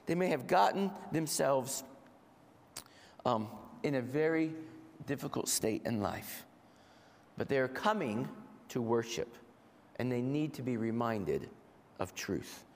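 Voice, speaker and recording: A man with a head cold and a gravelly voice preaches a sermon in a measured, deliberate way, repeating phrases for emphasis. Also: medium pitch, lively intonation. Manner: measured, deliberate delivery with rhetorical repetition. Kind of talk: sermon to a congregation. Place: large reverberant room, speaking to a congregation. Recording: echoey hall with long reverb.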